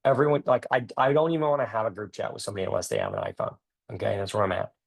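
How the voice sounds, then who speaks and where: A dentist giving an energetic, joking motivational talk with emphatic delivery. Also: male voice, on the low side, rapid-fire, gravelly, slightly rough. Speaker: dentist and speaker.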